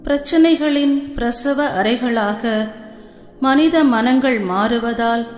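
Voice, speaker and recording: A woman voicing the grieving mother of Jesus, slowly lamenting in a devotional drama, in an echoey hall with soft music behind. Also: high-pitched. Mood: sorrowful. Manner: slow, lamenting.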